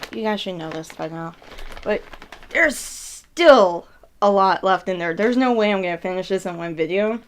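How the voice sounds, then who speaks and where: Rambling woman chatting casually over noise. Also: mid-range voice. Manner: rambling, thinking aloud, self-correcting. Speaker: mukbang host reviewing snacks. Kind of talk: casual vlog chat to viewers.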